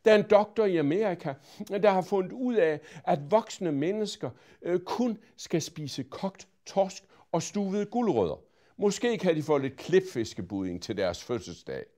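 A man doing Pippi, a cheeky high girl. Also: lively intonation, mellow. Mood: earnest, cheeky. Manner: high, singsong, mock-serious.

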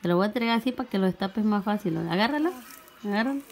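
Hoarse female home vlogger, chatty and affectionate, phone-recorded with background noise. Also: mid-range voice, lively intonation, fast. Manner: chatty, affectionate, coaxing with her child. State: slightly hoarse. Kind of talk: casual home vlog.

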